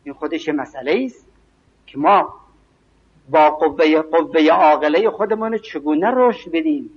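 Man, preacher, evening lecture, slow and emphatic, recites verses, fairly high voice, muffled lo-fi tape. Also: breathy edge. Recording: dull lo-fi recording.

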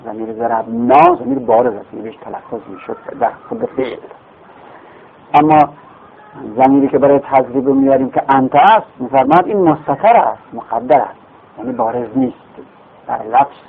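Gravelly man lecturing over a tinny line. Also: mid-range voice, expressive, slight background noise. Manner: explains patiently, repeats terms, asks and answers his own questions. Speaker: teacher of Arabic grammar. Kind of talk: classroom lecture. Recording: phone-like lo-fi recording.

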